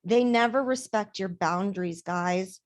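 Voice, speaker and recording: A woman's voice: mid-range voice, measured pace. A woman life coach talking casually to camera in her vlog, emphatic and repeating words for stress.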